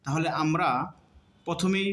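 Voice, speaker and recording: Man, patient teacher, slightly high voice, sound drills, echoey room. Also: steady tone, fairly bright tone. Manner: demonstrates sounds by drawn-out repetition. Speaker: teacher of Arabic letter pronunciation. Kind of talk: slow instructional lesson.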